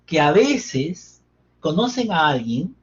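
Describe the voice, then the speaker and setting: A man's voice: fairly high pitch, very animated, slow. A man teaching a live online psychotherapy class, engaging his students by asking them question after question. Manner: engaging, keeps quizzing students. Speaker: psychotherapy lecturer. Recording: dull lo-fi sound with faint background noise.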